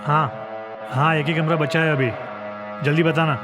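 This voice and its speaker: Actor as a shifty landlord, high whining pleas, music score under. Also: male voice, level tone, normal speed, close to an everyday voice. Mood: coaxing. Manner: wheedling, then begging loudly. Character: sly middle-aged landlord, cowardly when arrested.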